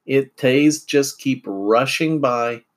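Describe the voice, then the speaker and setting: A middle-aged man from central Illinois hosts a casual morning podcast from home, speaking slowly at a medium pitch. He rambles, with many fillers and restarts.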